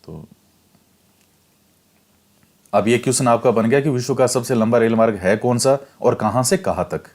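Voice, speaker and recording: A man teaching from a textbook speaks in a mid-range voice at an even, measured pace. He reads lines aloud and then unpacks them in plainer language, step by step, going over key facts again so students remember them for exams.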